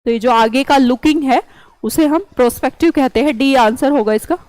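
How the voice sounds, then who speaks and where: A high-pitched woman runs an online vocabulary lesson. She coaxes and chats, quizzing her students with memory tricks. The sound is dry and close, with no room around it. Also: normal speed, darkish tone, dry recording, low-quality recording. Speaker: English vocabulary teacher.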